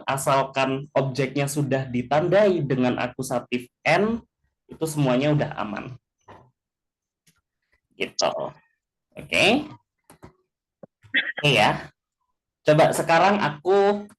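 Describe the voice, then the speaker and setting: A man with a slightly raised pitch teaches in an easygoing, chatty way. He slows right down to spell out example words and keeps checking that his listeners follow. Light chuckles slip into his explanations. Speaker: language teacher. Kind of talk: casual explanatory class talk.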